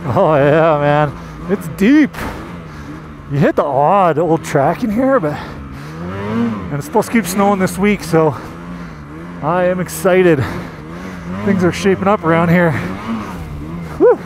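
Riding a snowmobile through a deep, snowy forest, a Canadian magazine editor offers relaxed, enthusiastic ride-along commentary for his review. He speaks slowly in a gravelly voice with long pauses. The helmet camera catches engine and wind noise too.

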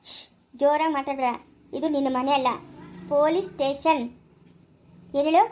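A woman's voice: high-pitched, fairly even intonation, moderate pace, darkish tone, a little hiss or hum, lightly acted. A woman playing a harsh female police officer who scolds and threatens, in an amateur family drama. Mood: scolding.

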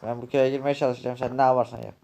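A man's voice: mid-range voice, little pitch movement, racing, gravelly, mellow, close to an everyday voice. A man voicing a scheming male devil who pushes to be let in, in amateur game voice acting on a home desk mic. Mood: pushy. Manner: pushy, wheedling.

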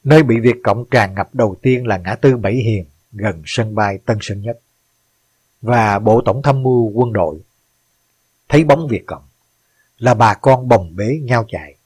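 An older former soldier tells a grim memory in an earnest, solemn way, as a man reads his part. The voice is low and husky, recorded dry. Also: a little slow, a little mellow, dry recording. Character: older male ex-soldier recounting war.

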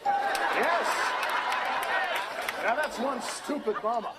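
A man's voice: high-pitched, moderate pace, over a noisy crowd, natural voice. A man playing a brash game show host. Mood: judging. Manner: snappy judging verdicts. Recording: noisy old TV broadcast, distant. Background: studio audience.

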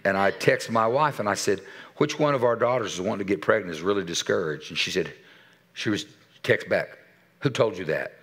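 A man in his sixties preaching a sermon in a church, telling a story with animated quoted dialogue and dropping to a soft voice for serious points. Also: lowish voice, fairly quick, slightly rough. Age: 60s. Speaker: pastor. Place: church sanctuary.

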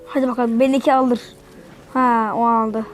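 A woman giving live commentary over her own mobile game, excitable and yelling at her opponent. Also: on the high side, moderate pace, faint music behind.

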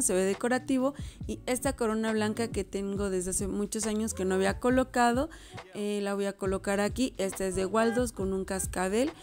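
A woman's voice: mid-range voice, a little mellow. A woman, narrating a home decor and cooking vlog in a casual, chatty way and often correcting herself. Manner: chatty, self-correcting, addresses viewers as girls.

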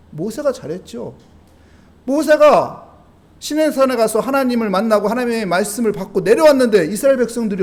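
A man with a Busan accent preaches at an early-morning service. His voice sits high and swings widely in pitch. He asks the congregation questions and acts out heartfelt prayers. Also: darkish tone. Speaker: pastor. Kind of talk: dawn service sermon.

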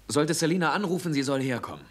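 An earnest young adult son in a dubbed family drama. He speaks with urgency, and his pitch moves a lot. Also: big pitch swings, fast. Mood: worried. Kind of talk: TV drama dub.

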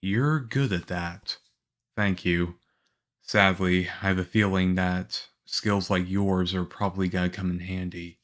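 Man acting as Leon Kennedy, low, unhurried young agent. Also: steady tone, fairly bright tone. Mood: teasing, friendly. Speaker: audio roleplay voice actor. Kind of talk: ASMR roleplay acting.

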